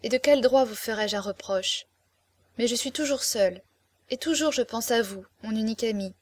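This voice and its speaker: A woman's voice: on the high side, normal speed, natural voice. A woman voicing a tender, pleading young woman in an audiobook, speaking with emotion and imploring tearfulness. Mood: wistful. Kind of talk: audiobook character reading.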